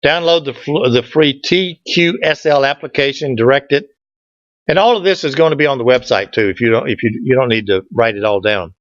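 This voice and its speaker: Brisk and mid-pitched, a man presents slides informally at a lectern in an indoor meeting room, a club presenter trading folksy jokes with the group. No room sound is audible, but the overall recording is dull and lo-fi.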